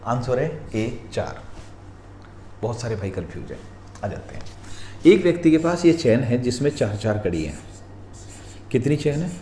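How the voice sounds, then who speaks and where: A man teaching reasoning practice questions, walking through each answer step by step and telling viewers to pause and look carefully. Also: medium pitch, very animated, dark tone. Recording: echoey room, faint noise.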